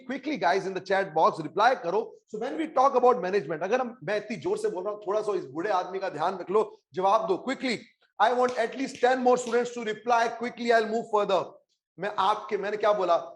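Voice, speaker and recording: High-voiced energetic Indian male teacher. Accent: Indian English. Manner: energetic, mixes Hindi and English, urges the chat to reply. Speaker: online exam coaching teacher. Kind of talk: live online class.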